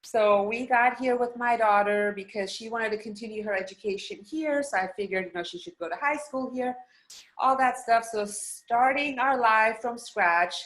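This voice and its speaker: A woman's voice: on the high side, moderate pace. Earnest woman in her forties, stuffy voice. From Germany. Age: 40s. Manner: earnest and steady, telling her story. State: stuffy from allergies. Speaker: guest. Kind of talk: personal story on a video call.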